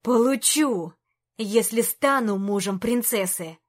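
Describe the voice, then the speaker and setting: A woman voicing a greedy young knight who mocks and threatens, often loud. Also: a little high, slow pace. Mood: mocking threat. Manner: mocking, shouting, through clenched teeth. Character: treacherous young male knight, greedy and defiant.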